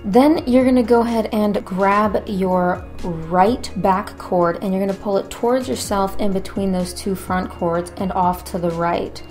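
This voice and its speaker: Female craft tutorial host, mid-range pitch, informal and chatty instructional narration, music bed behind. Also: fairly even intonation, measured pace, hardly any pauses, a little mellow. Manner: informal, conversational.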